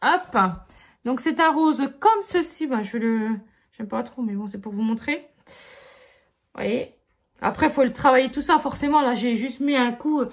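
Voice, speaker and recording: Middle-aged woman rambling thru a haul, lots of euh, high voice. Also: expressive, measured pace. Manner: chatty, many fillers like euh and franchement. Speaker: beauty vlogger. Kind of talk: casual haul review.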